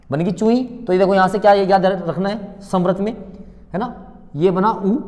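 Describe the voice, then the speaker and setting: Male tutor, high voice, drills and repeats, echoey reverberant room. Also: a little mellow. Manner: repetitive, drilling sounds aloud with quick rhetorical questions. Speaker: teacher. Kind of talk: online exam-prep lecture.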